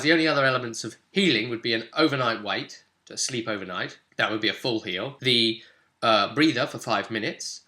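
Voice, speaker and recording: Bright and forceful, his medium-pitched voice carries a casual explanation of a tabletop game guide. The presenter keeps things chatty and likes throwing in rhetorical questions.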